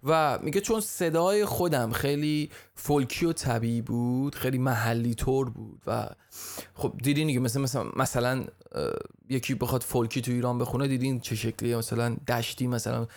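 Podcast guy with a gravelly voice, chatty storytelling, keeps stumbling n restarting. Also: mid-range voice, a little mellow. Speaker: podcast host.

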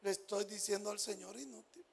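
High-pitched gravelly male pastor preaching. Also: fairly quick. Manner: emphatic preaching with rhetorical questions to the congregation; swings between soft asides and loud stressed phrases. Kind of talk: sermon.

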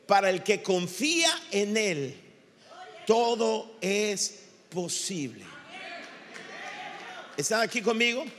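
Bright-voiced Mexican pastor preaching in a hall. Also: male voice, high voice, animated, takes it slowly, pauses often. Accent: Mexican Spanish. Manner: impassioned preaching, rising to shouts. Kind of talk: sermon. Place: church hall. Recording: church hall reverb.

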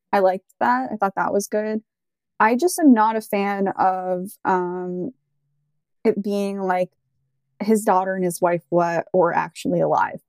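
A woman's voice: mid-range voice, darkish tone, no echo. Chatty woman full of "like"s, dry sound. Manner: rambling, full of "like" and fillers, enthusiastic. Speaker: podcast co-host. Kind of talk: casual chat.

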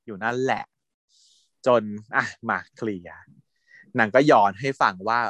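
A man's voice: medium pitch, a little slow, a bit bright, dry recording. A man in casual chat who animatedly retells a TV series, laughing often and acting out quotes.

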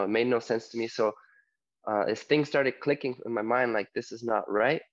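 A man's voice: fairly low pitch, muffled recording. A man from Canada, a guest health coach, talking casually and loosely with many fillers over a video call. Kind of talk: casual interview talk. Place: home on an island in Spain.

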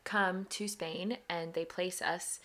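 A woman's voice: on the low side, fairly even intonation, slow pace, fairly bright tone. A young woman from the United States co-hosting a casual podcast, playful and talkative, explaining things at length with frequent laughs. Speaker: podcast co-host. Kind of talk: casual chat.

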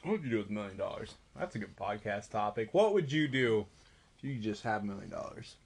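A man's voice: fairly low pitch, animated, fast talker, vocal fry, husky. A drunk young man co-hosting a podcast in casual chat, profane and teasing. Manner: teasing, profane, laughing often. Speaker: podcast co-host.

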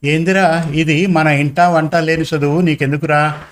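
Man voices a weary, indebted village father in a storybook, gruff and scolding. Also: fairly high pitch, level tone, normal speed, natural voice.

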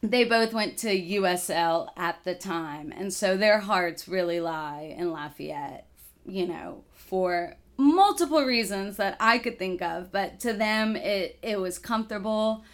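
A woman's voice: medium pitch, unhurried. A young woman in her twenties from Texas, a guest in a casual interview, telling her family story in a rambling, chatty way.

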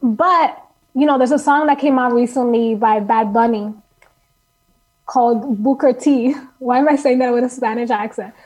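A woman's voice: fairly high pitch, steady tone, moderate pace, darkish tone, poor audio. A woman author as a podcast guest, speaking in an upbeat, earnest way and laughing easily. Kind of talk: casual interview chat.

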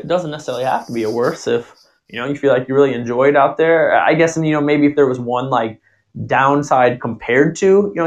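A man in his twenties from Ohio hosting a podcast, asking casual questions in a rambling way with lots of fillers. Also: a little high. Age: 20s. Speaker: podcast host. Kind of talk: casual interview chat.

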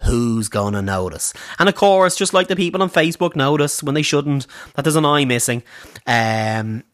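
A man hosts his own podcast, telling a story in a loose, conversational way. His voice sits at an ordinary middle pitch. He often fills pauses with ums, restarts his sentences and drops in jokey asides. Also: lively intonation, a bit bright, dry recording, studio quality. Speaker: podcast host. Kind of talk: casual storytelling monologue.

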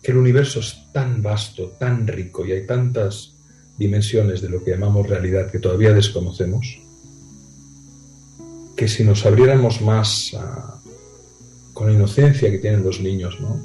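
A man on a video call speaking thoughtfully with frequent pauses and tag questions. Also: fairly low pitch, steady tone, warm tone, reverberant, soft background music, low-quality recording. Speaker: guest. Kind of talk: reflective conversation.

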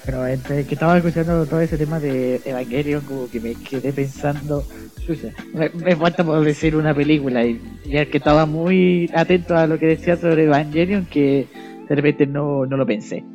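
A man's voice: fairly high pitch, moderate pace, a little mellow, faint music behind. A young Chilean man co-hosting a casual podcast, rambling and hesitant as he searches for a film to recommend. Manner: hesitant, rambling, laughs at himself. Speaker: podcast co-host. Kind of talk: casual chat.

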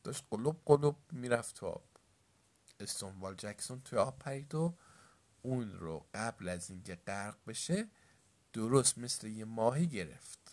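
A male narrator reading a children's storybook with an animated delivery. His voice sits fairly low, and it gets louder for the story's shouts and surprises. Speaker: audiobook narrator.

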